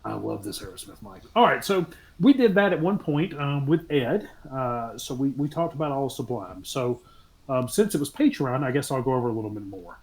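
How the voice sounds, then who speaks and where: A man's voice: mid-range voice, lively intonation, moderate pace. Rambling, joking man in casual chat. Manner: loose, joking, rambling with many ums.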